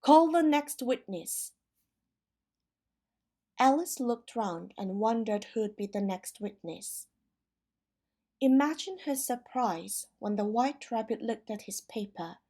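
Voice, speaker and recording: A woman narrating a storybook for language learners with clear, careful reading. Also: medium pitch, slow, mellow.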